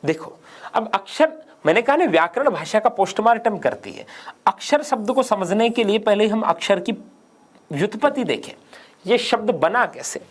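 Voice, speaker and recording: A man's voice: high voice, expressive, moderate pace. A man teaching grammar in a studio for an exam-prep lesson, emphatic and asking and answering his own questions.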